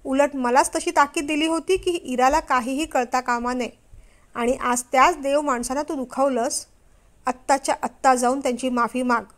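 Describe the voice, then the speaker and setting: A woman voicing an angry middle-aged husband who scolds his wife in a loud, stern way, read in a storybook. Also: high-pitched, moderate pace, natural voice.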